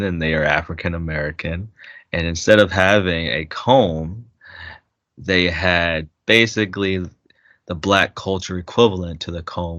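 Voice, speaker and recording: A man's voice: low voice, dry recording, dull audio. A man co-hosting a podcast, chatting casually and retelling movie scenes, laughing often and restarting his sentences. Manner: animated storyteller, laughs often, many restarts. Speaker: podcast co-host. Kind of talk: casual chat.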